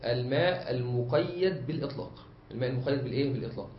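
A man with an Egyptian accent, a sheikh teaching a study circle, explaining step by step, often pausing on drawn-out fillers and checking that his students follow. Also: medium pitch, slight background noise. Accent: Egyptian Arabic. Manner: frequent drawn-out hesitation fillers. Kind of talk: classroom lesson. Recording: echoey room, dull lo-fi sound.

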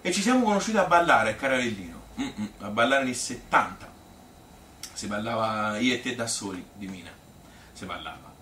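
A man with a lowish, expressive voice, pushed and bright at a normal speed, plays a chatty, self-amused Tuscan woman rambling through her courtship memories. The theatrical monologue is folksy, colloquial and filler-laden, with an amused, nostalgic mood. It's recorded in an echoey room with a distant mic and hissy noise.

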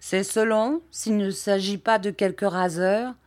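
A woman voicing an impatient French police chief, a middle-aged man who speaks in a dry, curt tone, in a slow audiobook reading. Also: mid-range voice, steady tone, a little mellow, dry recording, lightly acted.

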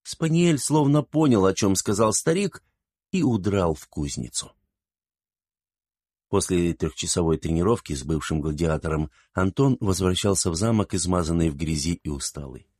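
A man narrating an audiobook in an even, measured reading. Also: deep voice, no room sound, studio quality. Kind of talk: scripted narration.

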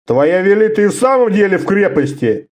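A man voicing a gruff, blustering old one-eyed warrior who is drunk and slurring. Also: high-pitched, sing-song, brisk, pitched above the performer's own voice. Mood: grumbling. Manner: blustering, loud.

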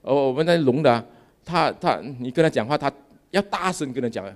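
Lively, animated pastor in his fifties. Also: medium pitch, brisk. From Malaysia. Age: 50s. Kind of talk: sermon.

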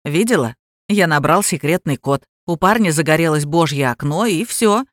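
A self-proclaimed god of an online game speaks low, smug and commanding, as a woman narrator puts him on. The sound is dry and close. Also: expressive, moderate pace, no echo. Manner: smug, then shrieking in fury. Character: self-styled god, obsessive male gamer.

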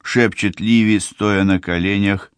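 Male audiobook reader, deep-ish voice, steady and measured, dry studio sound. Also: clean tone, no echo. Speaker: audiobook narrator. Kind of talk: scripted narration.

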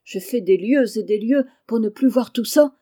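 A woman's voice: fairly high pitch, normal speed, warm tone, voice pushed up, lightly acted. A woman reader voicing a terrified, superstitious young peasant man who pleads and sobs in panic. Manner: panicky, tearful, breathless pleading.

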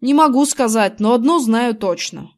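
A woman's voice: on the high side, expressive, normal speed, darkish tone. A woman reading aloud, voicing a brash, boastful young boy who brags and whines, in a slightly raised voice. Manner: whiny, then swaggering and bragging. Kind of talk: audiobook character reading.

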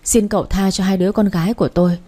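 A terrified middle-aged father in an audio story, voiced by a woman, begging in a hurried rush. The voice stays soft and mellow underneath the panic. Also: high voice, steady tone. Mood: pleading. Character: frightened middle-aged father pleading for mercy.

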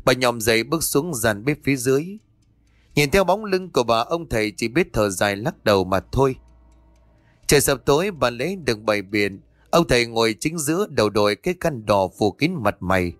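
A man's voice: medium pitch, brisk, no echo. Man narrating a horror audiobook. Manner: steady storytelling, voices each character.

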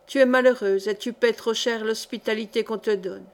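A woman's voice: on the high side, fairly even intonation, moderate pace, lightly acted. A woman reading aloud as an old female miller who tells fortunes, commanding and solemn.

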